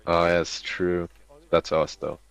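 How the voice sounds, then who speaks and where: A man with a very deep, flat voice talks with squad mates mid-game. His humor is dry and blunt, and he swears without hesitation. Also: measured pace, vocal fry, clear, resonant tone. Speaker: gamer who trains recruits. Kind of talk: casual chat during online game.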